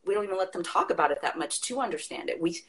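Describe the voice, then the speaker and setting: Passionate woman, lower-pitched and animated. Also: rapid-fire. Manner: passionate, animated storytelling with laughs. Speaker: guest. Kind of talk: casual conversation.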